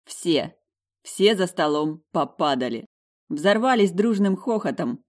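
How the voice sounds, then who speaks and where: A woman narrating an audiobook in the first person, in a lively, emotional way. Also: low-pitched. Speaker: audiobook reader.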